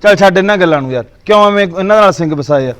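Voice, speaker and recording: Quick, high-voiced teasing man. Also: expressive, a bit bright. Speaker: actor in a village drama. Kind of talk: Punjabi village drama acting.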